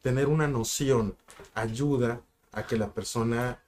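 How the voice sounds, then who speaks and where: A man's voice: mid-range voice, fairly even intonation, a little slow, a little mellow. A young man, a sign language interpreter speaking as a guest on a casual podcast, telling stories reflectively with many asides. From Mexico. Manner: reflective storyteller, drops in asides and fillers.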